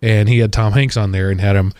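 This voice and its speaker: This man's voice is lowish and darkish, steady in tone but fast, recorded without echo. As a podcast host in casual chat, he rambles, restarts often, and tosses in asides laced with wry self-mockery.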